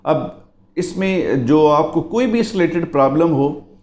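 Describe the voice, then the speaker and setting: A man's voice: on the high side, animated, measured pace, darkish tone, roomy sound. A male lawyer gives a lecture on the law, explaining it step by step and often telling listeners to remember each point. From Pakistan. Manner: explanatory, keeps repeating "remember". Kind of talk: legal lecture.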